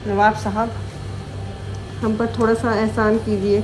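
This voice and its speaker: A woman's voice: on the high side, level tone, measured pace, over music. A woman chatting casually as a vlogger on an outdoor walk, talking sweetly to her dogs now and then. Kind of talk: casual vlog chat.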